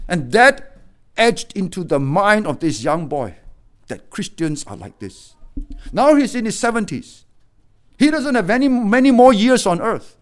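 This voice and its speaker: A middle-aged man preaching a sermon as a pastor, swinging between loud exhortation and quiet, low warnings.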